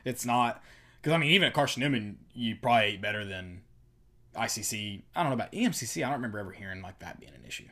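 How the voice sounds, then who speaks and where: A man's voice: fairly low pitch, animated, quick pace, pushed and bright. A man in casual sports chat, blunt and mocking, often imitating coaches. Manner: blunt, mocking, quotes coaches in put-on voices.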